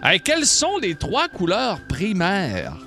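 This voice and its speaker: Quebec french guy hosting a radio quiz, joking around, bright voice, swoops up and down a lot. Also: sits high, huge pitch swings, slow pace, soft background music. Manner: jokey, laughs often, lots of euh fillers. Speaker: radio show host.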